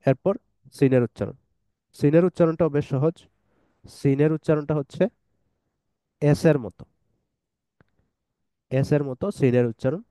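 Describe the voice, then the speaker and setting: Male tajweed teacher, patient step-by-step explainer, mellow tone, dry close sound. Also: fairly high pitch, no echo, low-quality recording. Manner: patient step-by-step explaining, recites verses slowly. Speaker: Quran recitation teacher. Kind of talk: online tajweed lesson.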